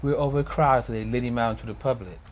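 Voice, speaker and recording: A man's voice: mid-range voice, quick pace. A middle-aged man interviewed as a grieving father, talking emphatically and acting out moments as he tells them. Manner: animated, emphatic, acts out past moments. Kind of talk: emotional interview recollection.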